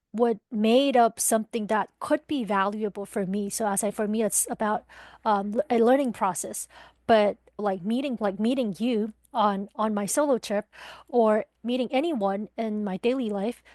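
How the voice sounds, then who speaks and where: A Taiwanese woman in her twenties, appearing as a guest, reflects on growing up in an interview conversation, speaking thoughtfully with some hesitation. Her voice is mid-range, and the studio sound is clean and dry.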